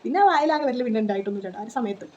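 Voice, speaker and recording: A woman's voice: a little high, lively intonation, rapid-fire, darkish tone, dull audio, slight background noise. A woman, telling a personal story in a casual vlog, chatty with lots of fillers and "you know" tags. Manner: chatty, tags sentences with 'you know', many fillers. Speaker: vlogger.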